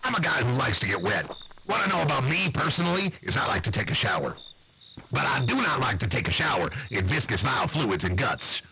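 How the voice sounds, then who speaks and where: A man with a mid-range voice, talking a little fast with vocal fry, improvises a comic monologue as a blustery, nervous backwoods uncle with an American accent. He's boastful and excitable, rambling in a folksy, profane way with an exaggerated delivery. The recording is low quality, with some hiss or hum.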